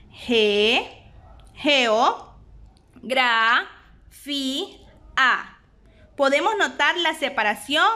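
Slow, bright-voiced woman teacher. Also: high-pitched. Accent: Honduran Spanish. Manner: slow, deliberate, spells out syllables. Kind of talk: recorded grammar lesson.

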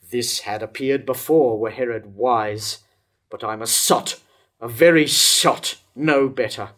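At a lectern with a stand microphone, an older actor gives a staged reading of Jacobean verse tragedy as King Herod, a jealous, tormented, wrathful and lovesick ruler. His voice is higher-set and fairly bright, his declamation very slow and deliberate, broken by dramatic pauses.

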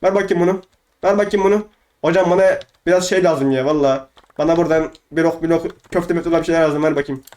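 A man's voice: a little high, fairly even intonation, fast, a little mellow. A young man from Turkey chatting casually over gameplay, boastful and teasing, repeating his lines. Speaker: gamer.

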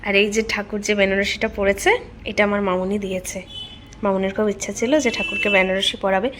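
A woman's voice: medium pitch, level tone, fast, fairly bright tone. Young woman from north bengal vlogging at home, chatty, phone mic, noisy house in the background. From North Bengal, India. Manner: chatty, explaining as she films. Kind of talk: casual vlog narration. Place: family home in a village during a home puja.

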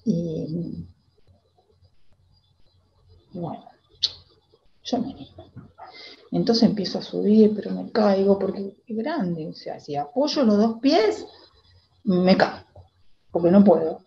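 A woman with an Argentine accent playing a timid young girl in a theater monologue, talking in a hesitant, halting way. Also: medium pitch, expressive, creaky, highs cut off. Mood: wistful. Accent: Argentine Spanish. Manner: hesitant, halting, many restarts. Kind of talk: theater monologue, reliving a memory.

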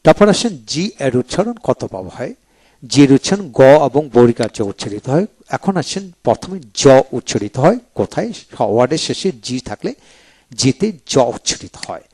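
A man giving a video lecture on English pronunciation, going through a book chapter by chapter and repeating example words slowly. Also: medium pitch, big pitch swings, darkish tone, breathy edge. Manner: explains step by step, repeats example words slowly, often says "then come".

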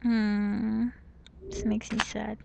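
A woman's voice: fairly high pitch, lively intonation, drawn-out words, gravelly, warm tone, a little hiss or hum. A young woman casually commenting on a game she is playing, mumbling and thinking aloud. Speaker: let's play gamer.

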